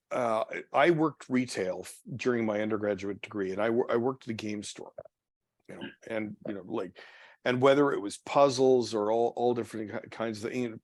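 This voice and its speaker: A pastor leading a church study group, talking casually and haltingly with many restarts and repeated words. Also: male voice, mid-range voice, dry recording. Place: church meeting room.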